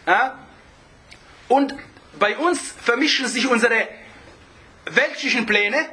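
A man giving an informal religious talk, sprinkling in Arabic phrases, often checking in with a quick question and chuckling as he explains. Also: very high voice, bright, forceful tone. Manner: peppers speech with Arabic phrases and asks "ja?" often; chuckles while explaining, restarts words. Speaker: religious lecturer.

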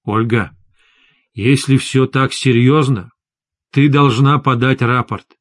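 A man narrating a first-person audiobook with calm, even storytelling. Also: mid-range voice, slow pace, dry recording, studio quality.

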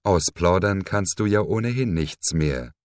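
A man's voice: deep voice, animated, a little slow, no echo, clean studio sound. A man voicing a mocking, menacing villain who sneers and hisses, in an audiobook reading. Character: mocking sinister man, cold cult leader.

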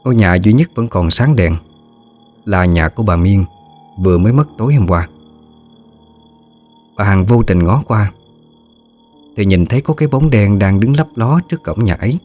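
Brief: male ghost story narrator, very deep voice, faint music behind. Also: normal speed, pauses often. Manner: steady storytelling.

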